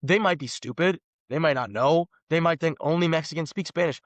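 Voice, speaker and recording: A podcast guest from Los Angeles, this twenty-something American talks casually at a fairly quick clip. His voice is a little high, and he rambles emphatically, leaning on "like" again and again. There is no room sound on the recording.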